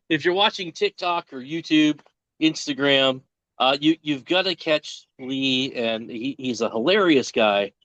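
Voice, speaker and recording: A man's voice: medium pitch, animated, unhurried, a bit bright, no echo, lo-fi sound. A man hosting a podcast interview, chatting in a folksy, joking way from outdoors by a pond. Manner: folksy, joking, with frequent restarts. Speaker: podcast host. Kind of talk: casual interview chat.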